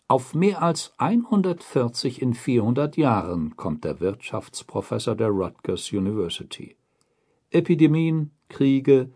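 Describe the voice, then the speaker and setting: Slow, husky German documentary narrator. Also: male voice, mid-range voice, darkish tone. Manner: measured, deliberate reporting tone. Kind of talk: scripted documentary voice-over.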